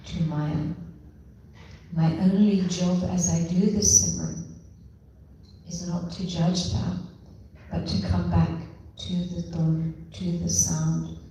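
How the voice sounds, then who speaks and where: Soft-spoken woman leading a meditation, low-ish flat voice, slow and gentle, far off in a really echoey room. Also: slight background noise. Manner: slow, gentle and devotional, mixing Punjabi phrases. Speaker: spiritual session leader. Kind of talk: guided meditation talk.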